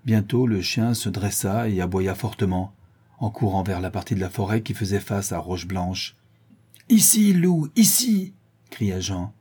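A man reading a novel aloud in a measured, steady storytelling voice. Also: on the low side, husky. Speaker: audiobook narrator. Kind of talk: scripted narration of a novel.

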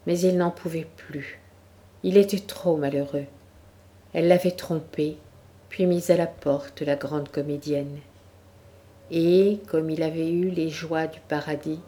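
A woman reading a literary story aloud in a slow, measured storytelling manner. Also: medium pitch, dark tone. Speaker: audiobook narrator.

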